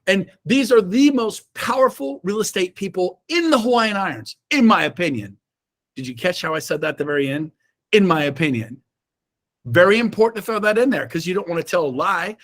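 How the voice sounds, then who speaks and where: A middle-aged man giving a fired-up motivational talk to his real estate team over a video call. He is emphatic and swings from shouts to low asides. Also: lively intonation, a little fast, few pauses. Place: indoors, own room on a Zoom call.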